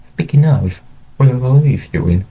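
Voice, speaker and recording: A man's voice: medium pitch, expressive, normal speed, breathy edge, phone-quality sound, pitched above the performer's own voice. A man voicing a cheerful dad in his forties in a homemade audio story.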